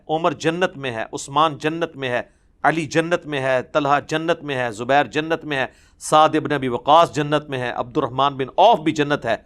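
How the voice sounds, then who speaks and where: A male religious speaker gives an impassioned lecture, recounting hadith and driving his points home through forceful, emphatic repetition. His voice sits somewhat high for a man.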